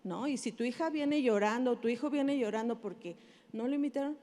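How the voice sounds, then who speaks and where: A woman's voice: fairly high pitch, brisk, dark tone. A woman pastor preaching to parents in a conversational way, acting out parents and children. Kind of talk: sermon to parents. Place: large auditorium. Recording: live hall reverb.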